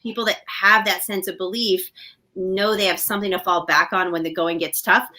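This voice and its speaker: A woman's voice: medium pitch, fairly even intonation, normal speed, sharp tone. A woman speaking as a guest doctor on a talk show, casual and full of fillers like "you know" and "like".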